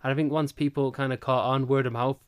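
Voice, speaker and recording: Guest spot: man from Manchester, quick and crisp, chatty and rambling as he tells how he started. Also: mid-range voice, little pitch movement. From Manchester, England. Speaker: cheerleading club founder and coach. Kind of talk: casual interview answers.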